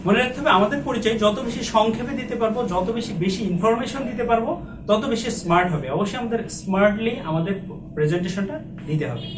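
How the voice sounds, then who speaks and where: A man in his twenties from Bangladesh teaching a spoken English lesson, slowly drilling each phrase and repeating it for learners. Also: high-pitched, echoey room, distant mic, noisy background. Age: 20s.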